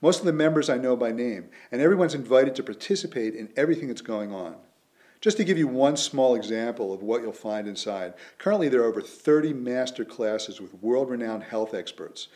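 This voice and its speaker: A man, an author, delivering a scripted promotional pitch in an earnest, persuasive way. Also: animated, a little fast, a little mellow. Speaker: author promoting his method.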